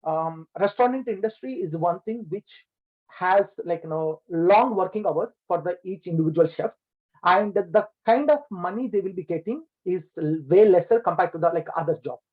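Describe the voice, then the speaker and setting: A man's voice: high voice, normal speed. A man being interviewed about his businesses over a video call, his audio breaking up on a bad connection, talking at length with many "like, you know" fillers. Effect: bad connection, audio cutting out. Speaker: business owner interviewed as guest. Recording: tinny lossy video call line.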